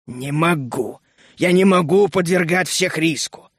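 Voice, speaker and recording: A man voicing a stern, weary mercenary leader in a read-aloud story, speaking calmly, low and measured. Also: husky, no echo, studio quality. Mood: grim.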